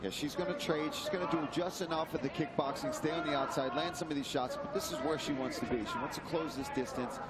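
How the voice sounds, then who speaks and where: A man's voice: on the high side, steady tone, quick pace, hardly any pauses. A man giving conversational, explanatory colour commentary on a live fight. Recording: loud crowd behind.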